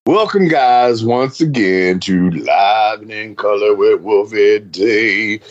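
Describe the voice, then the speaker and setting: A man's voice: lowish voice, slow pace, highs cut off, loud music behind the voice. A man hosting a podcast in casual chat, rambling and cussing, with lots of fillers and restarts. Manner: rambling, profane, stop-start with fillers. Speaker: podcast host.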